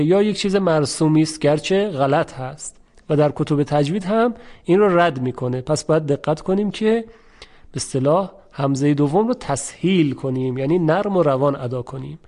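A man teaching Quran recitation rules, with a mellow, slightly raised voice. He speaks slowly and carefully, repeating each sound to demonstrate it. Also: a little high. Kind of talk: tajweed lesson.

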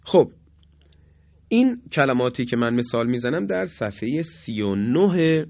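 A man teaches Quran recitation in a measured radio lesson, pausing on hesitations and stretching out each example word as he recites it. His voice sits at a middling pitch. The recording sounds dull and dry, like an old studio broadcast. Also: very animated, gravelly, a little mellow, no echo.

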